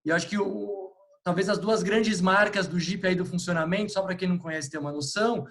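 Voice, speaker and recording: A man's voice: sits high, fairly quick. Informal Brazilian man on a video call. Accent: Brazilian Portuguese. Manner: relaxed, informal, frequent fillers. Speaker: clinician presenting his institution. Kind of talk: online meeting talk.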